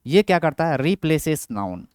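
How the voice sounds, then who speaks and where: A man's voice: fairly high pitch, very animated, moderate pace, a little mellow, smooth, dry recording, clean studio sound. A young man teaching a grammar class, who keeps asking his own questions and answering them. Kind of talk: Hindi grammar lesson with English terms.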